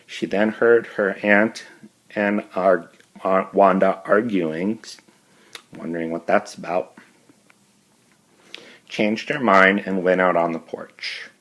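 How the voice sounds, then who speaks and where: A man's voice: sits low, steady tone, slow pace, long pauses, fairly bright tone, rough recording. A male teacher reading a novel aloud to his class, breaking off for friendly asides to his students.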